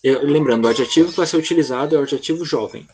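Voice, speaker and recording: A man's voice: mid-range voice, very fast, darkish tone, slight background noise. A man with a Brazilian Portuguese accent, an English teacher explaining grammar step by step in an online class, often checking whether his student follows.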